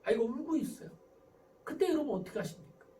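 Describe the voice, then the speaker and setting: Animated high-voiced male lecturer. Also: quick pace, far from the mic, slight background noise. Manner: animated, acts out example dialogues. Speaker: professor giving a parenting lecture. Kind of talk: lively lecture.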